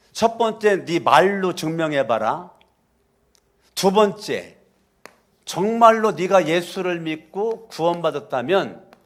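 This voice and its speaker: A male pastor preaching a sermon in an emphatic, scolding way, with many rhetorical questions. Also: on the high side.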